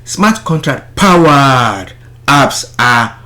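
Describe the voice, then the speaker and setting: A man's voice: mid-range voice, lively intonation, very slow, bright, forceful tone. A man narrating a finance explainer video, stressing and repeating his key points for emphasis.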